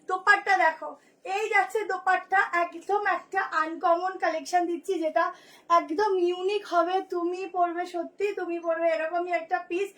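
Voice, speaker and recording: A hoarse woman, a boutique seller who talks nonstop, showing clothes to viewers in a live sales video. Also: extremely high pitch, fairly bright tone. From Kolkata, India. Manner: chatty, nonstop talker.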